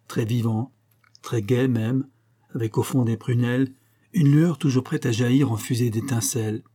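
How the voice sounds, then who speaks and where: A man narrating a classic adventure novel in a steady, measured literary reading. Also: medium pitch, breathy edge. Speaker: audiobook narrator. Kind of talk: scripted narration.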